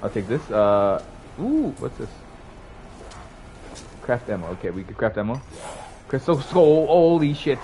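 A man's voice: mid-range voice, big pitch swings, measured pace, pauses often, noisy background. A young man streaming a horror game, reacting with panicked, swearing outbursts and running commentary. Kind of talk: live gameplay commentary.

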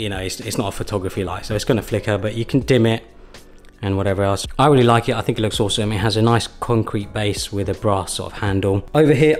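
A man casually walking through his home, chatting in a relaxed way with lots of "sort of" and "you know", recorded on a handheld camera indoors. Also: lowish voice. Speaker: home tour vlogger. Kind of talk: casual walkthrough narration. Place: small rooms of a house, indoors.

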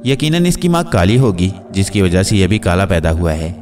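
A man's voice: low voice, big pitch swings, a little mellow. A man voicing a sly, mocking comic character who is eager to be married. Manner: mocking, quick-witted. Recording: distant mic with faint music.

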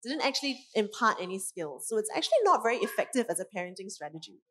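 Woman in her thirties, parenting coach, conference talk, animated, mid-pitched voice. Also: fast talker.

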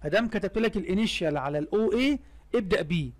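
A man's voice: high voice, expressive, very fast. A man with an Egyptian Arabic accent teaching a math lesson, explaining step by step, asking and answering his own questions, and mixing English math terms into his Arabic.

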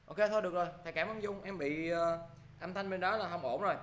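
A man teaching an online English class, brisk and scolding as he quizzes students. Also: sits high, a bit bright, slight background noise.

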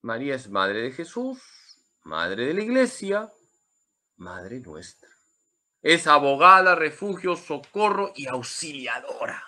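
Male priest, bright forceful voice, lively preaching. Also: medium pitch, takes it slowly. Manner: emphatic, lively teaching with humor. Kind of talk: Marian catechesis talk.

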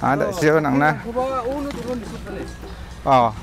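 A man's voice: on the high side, fairly even intonation, very slow, creaky, over music. A man with a Garo accent narrating a casual walking tour outdoors, rambling and repeating himself as he talks straight to his viewers. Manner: rambling, repetitive, addresses viewers directly. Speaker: vlogger. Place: outdoors by a village pond.

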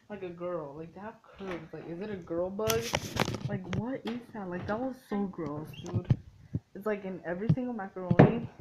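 A woman's voice: mid-range voice, very noisy. Chatty girl vlogging in a kitchen. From Mexican family. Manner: chatty and easily grossed out, lots of "like" and "dude". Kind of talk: casual cooking vlog. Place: dim home kitchen.

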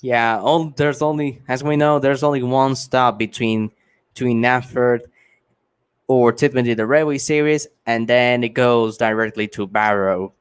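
Smooth-voiced young man hosting a livestream. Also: mid-range voice, measured pace, no room sound. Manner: relaxed, chatty, amused. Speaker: livestream host. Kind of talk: casual livestream chat.

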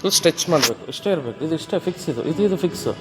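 A man's voice: on the high side, animated, very fast. A male fitness trainer, coaching a woman through a workout with firm, repeated commands and tips. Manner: firm, repetitive gym commands mixed with explanation. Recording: roomy reverb with music behind.

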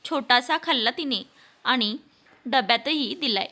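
A woman's voice: high-pitched, unhurried, sharp tone, heavily acted. A woman voicing a kind older mother-in-law who scolds and dotes at once. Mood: doting. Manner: scolding yet doting.

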